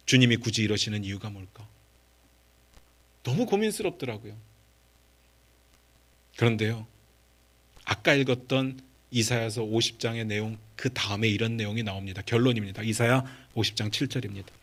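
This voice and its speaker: A middle-aged male pastor preaching a sermon, moving between quiet asides and raised, impassioned pleas and leading the congregation in reading scripture aloud. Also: medium pitch.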